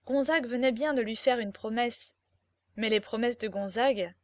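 A woman narrates a classic novel in a steady, expressive way, with a fairly high voice. The recording is dry and close, with no room sound. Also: moderate pace, dry recording. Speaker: audiobook narrator. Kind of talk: scripted narration.

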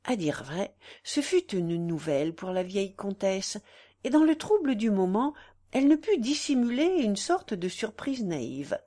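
A woman narrating a classic novel as an audiobook, in a measured, even reading. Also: medium pitch.

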